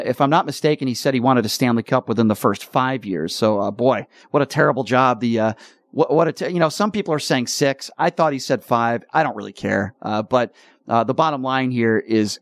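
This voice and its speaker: A man hosting a sports talk radio show, talking in an earnest, halting way with repeated words, choked up with emotion. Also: mid-range voice, no room sound, clean studio sound.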